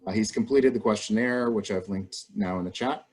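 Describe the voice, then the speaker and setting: Low-voiced man moderating a forum. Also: moderate pace, a little mellow. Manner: polite, procedural, apologetic. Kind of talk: moderating an online endorsement forum. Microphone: video call.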